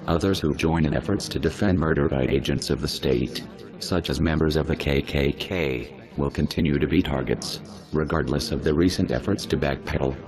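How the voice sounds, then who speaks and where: A man with his voice disguised and pitched down very deep, reading a scripted threatening statement in a slow, measured, menacing way. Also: crowd noise. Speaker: spokesperson for a hacker collective. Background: music.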